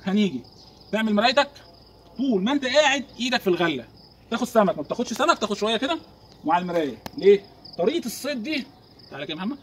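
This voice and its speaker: A man with an Egyptian accent giving an animated outdoor fishing lesson, talking straight to the viewer. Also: high voice, racing, slight background noise. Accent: Egyptian Arabic. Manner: animated, instructive, talks to the viewer. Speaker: fishing vlogger. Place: outdoors by the water.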